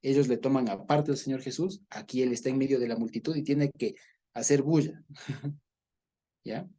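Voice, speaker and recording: A man's voice: mid-range voice, moderate pace, mellow. A man teaching a Bible study, explaining at length, repeating words and checking in with listeners.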